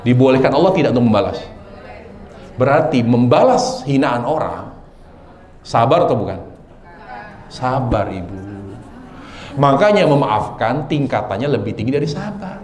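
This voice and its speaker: A man preaching a sermon to a live audience, animated and questioning his listeners. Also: medium pitch, normal speed, pauses often. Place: lecture hall with audience. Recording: echoey hall.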